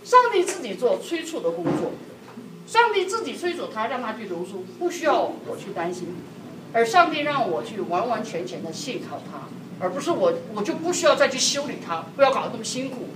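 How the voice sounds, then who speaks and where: A middle-aged woman giving a sermon-like talk on marriage to a church group, telling personal stories in a lively way with frequent laughter. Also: on the high side, fairly quick. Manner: lively, laughing often, acts out quotes. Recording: echoey hall, distant mic, background noise.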